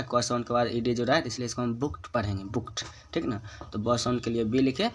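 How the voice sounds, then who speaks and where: Guy with a hindi accent going over phonetics rules, mid pitch, keeps repeating words, bit of faint hiss behind. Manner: repeats each example word and checks in with "ठीक ना". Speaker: English phonetics teacher. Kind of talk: whiteboard lesson explaining rules.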